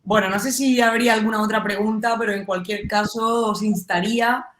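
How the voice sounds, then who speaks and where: A woman from Spain with a Peninsular Spanish accent moderates an online academic panel, reading out questions and closing the session in a friendly yet formal way with fillers. Her mid-range voice is fairly quick and fairly even, with a little hiss or hum and echoey room audio.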